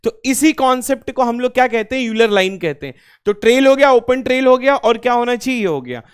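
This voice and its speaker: A man's voice: extremely high pitch, animated, fairly quick, clear, resonant tone. A man teaching a class, asking students questions and answering them himself, with English phrases mixed in and key points repeated. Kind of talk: classroom lecture.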